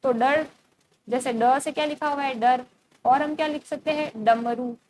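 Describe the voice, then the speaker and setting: Woman, teacher, high voice, faint background noise, self-questioning lesson style. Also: fairly even intonation, moderate pace, a little mellow. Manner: explains step by step, asks and answers her own questions. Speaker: school teacher. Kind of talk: recorded classroom lesson. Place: school.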